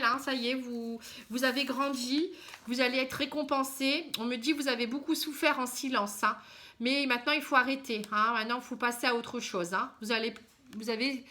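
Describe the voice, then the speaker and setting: A woman giving a casual tarot reading to camera, halting, with many fillers and a frequent "hein". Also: high voice, sharp tone, a little hiss or hum. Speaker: tarot card reader.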